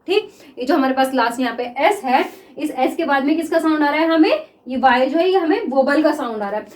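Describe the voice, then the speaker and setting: A woman teacher explaining shorthand examples step by step, saying words slowly as she writes them and often checking whether students follow. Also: sits high, lively intonation, echoey room. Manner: repeats words slowly while writing, asks 'clear?' often. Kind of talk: classroom lesson explaining examples.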